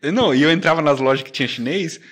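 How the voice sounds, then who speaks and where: A man chatting as a podcast guest, relaxed and quick to laugh. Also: a little high, a little hiss or hum. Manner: laid-back, laughs often. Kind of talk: casual podcast chat.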